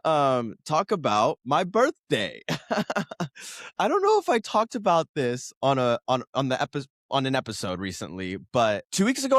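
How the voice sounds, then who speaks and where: A man's voice: medium pitch, fairly bright tone, no echo, studio quality. A man in his thirties hosting a solo podcast, chatting casually and rambling, correcting himself and laughing often, while coming down with a cold. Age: 30s. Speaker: podcast host.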